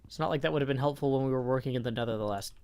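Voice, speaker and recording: While playing a game on his live stream, a man chats casually and rambles, answering his viewers. He talks very fast at medium pitch, with a slightly mellow, clean tone.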